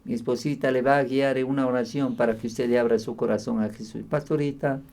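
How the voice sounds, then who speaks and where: A man with an Ecuadorian accent preaching a livestreamed sermon as pastor, building to fervent, loud emphasis. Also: medium pitch, steady tone, fairly quick, background noise. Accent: Ecuadorian Spanish.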